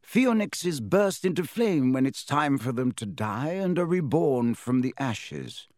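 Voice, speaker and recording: A man reading a storybook aloud, voicing an old male wizard headmaster who speaks slowly and kindly. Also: medium pitch, sing-song, a little mellow, no echo, clean studio sound, voice pushed up. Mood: gently amused.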